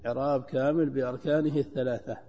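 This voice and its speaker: Sheikh quizzing students in an echoing hall. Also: male voice, mid-range voice, fairly even intonation, fast talker, dark tone, breathy edge. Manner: questioning, emphatic, repeats answers back. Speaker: sheikh teaching Arabic grammar. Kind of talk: classroom lecture quizzing students. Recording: dull lo-fi with long hall reverb.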